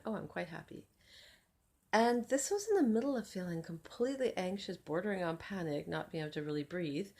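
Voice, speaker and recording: A woman coach sharing a personal story in an earnest, gentle way, pausing often with soft fillers. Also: low-pitched. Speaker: happiness coach. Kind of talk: personal reflective talk to camera.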